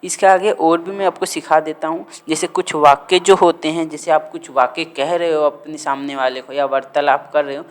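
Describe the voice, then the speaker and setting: A man teaching a grammar lesson, dictating words slowly and repeating them for students to write down. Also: on the high side, steady tone.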